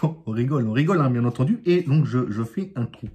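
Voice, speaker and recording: A man's voice: medium pitch, animated, fast, dark tone. A man from France, an amateur magician, telling a playful story to camera with sound effects and asides. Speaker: amateur magician, channel host.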